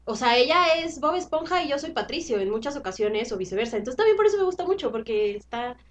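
A woman's voice: sits high, lively intonation, quick pace. A woman in her twenties with a Mexican accent, co-hosting a podcast in an enthusiastic, slangy and frank way. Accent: Mexican Spanish. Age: 20s. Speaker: podcast co-host. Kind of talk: casual chat.

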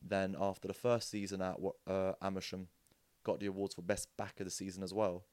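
A young Englishman talks through his rugby years as a podcast guest, lively and joking. His voice sits a little low. It is recorded dry and close, with no room sound. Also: fairly quick, no echo. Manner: animated storyteller, acts out quotes with jokes and laughs. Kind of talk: casual storytelling chat.

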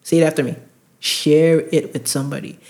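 A man's voice: a little high, little pitch movement, fairly quick, mellow. Earnest man giving emphatic advice. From outside the US. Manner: earnest, emphatic, repeats phrases for stress. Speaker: podcast host advising premed students. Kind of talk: casual advice monologue. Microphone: handheld recorder mic.

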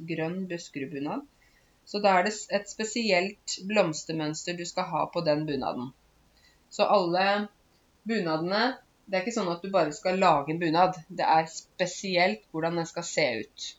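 A woman giving a casual spoken language lesson, stopping to explain words slowly with many fillers. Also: on the low side, highs cut off. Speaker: Norwegian language teacher.

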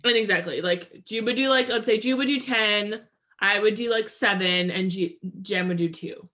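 Bright-voiced chatty woman. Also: mid-range voice, moderate pace. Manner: chatty, upbeat, heavy use of "like". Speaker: podcast co-host. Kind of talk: casual chat.

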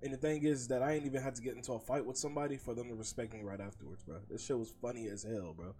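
A man's voice: medium pitch, rapid-fire, mellow, faint music behind. A young adult man co-hosting a podcast, giving his opinions in a laid-back, slangy way, swearing and saying "bro" a lot. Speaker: podcast co-host. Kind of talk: casual opinion chat.

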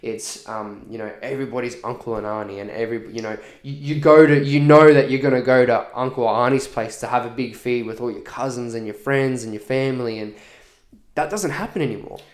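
A man's voice: mid-range voice, a little fast. A man talking casually and earnestly in a podcast conversation, repeating phrases for emphasis. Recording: echoey room.

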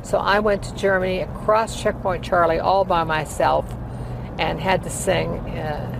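Outdoors, with loud cars passing and heavy traffic behind her, a woman in her eighties who once sang opera rambles through her memories, pausing often and saying "uh." Her lowish, creaky voice has fairly even intonation in this casual life-story interview.

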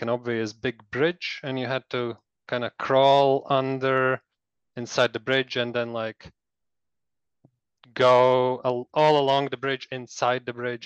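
A man's voice: mid-range voice, clean tone, no echo, muffled recording. Male guest from Latvia, chatty anecdotal storyteller, dry close sound. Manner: rambling, many fillers and restarts. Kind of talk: casual interview storytelling.

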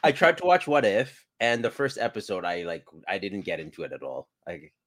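A man's voice: lowish voice, sing-song, brisk, fairly bright tone. Laid-back opinionated man co-host. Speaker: podcast co-host. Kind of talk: casual chat.

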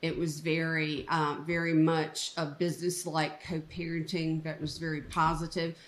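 A woman divorce coach hosting a podcast interview, supportive and quick with short affirmations. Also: low voice, level tone, echoey room.

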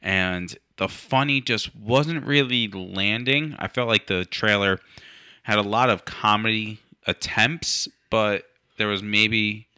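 Crisp, dry-sounding man chatting. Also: lowish voice, slow, bright, forceful tone, no room sound. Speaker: podcast co-host. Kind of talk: casual chat. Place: studio.

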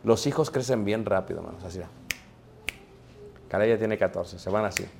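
A man's voice: on the low side, moderate pace, creaky, a little mellow, a little hiss or hum. A man preaching a sermon, talking to the congregation in a conversational way and asking them rhetorical questions. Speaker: pastor.

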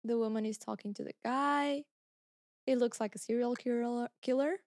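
A woman co-hosting a casual podcast chat, excitable and quick to laugh. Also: fairly high pitch, dry recording, studio quality. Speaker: podcast co-host.

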